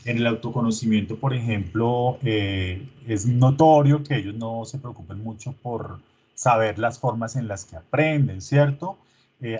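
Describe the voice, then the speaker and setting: A man's voice: medium pitch, slightly rough, dull audio. A man, a teacher coaching his students through an online rehearsal in an informal, coaxing way, full of diminutives.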